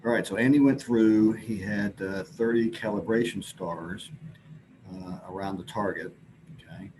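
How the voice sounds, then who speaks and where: A low-voiced man presents at an astronomy symposium, giving an informal slide talk on science. His explanation is halting and hesitant, broken by pauses. The recording is clearly noisy, with background ambience.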